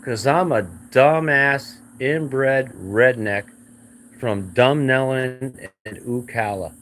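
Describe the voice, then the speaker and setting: A man voicing an angry, hostile redneck neighbor in a slow, drawn-out snarl. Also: medium pitch, fairly bright tone, slight background noise. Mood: angry mocking.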